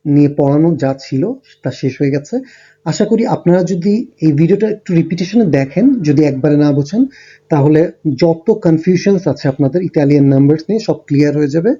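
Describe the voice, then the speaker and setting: A man teaches a beginner language lesson over slides, walking through each point step by step with little ums and pauses. His voice is very dark and mellow, pitched a touch high for a man. The recording sounds dull and lo-fi. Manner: explains step by step with fillers.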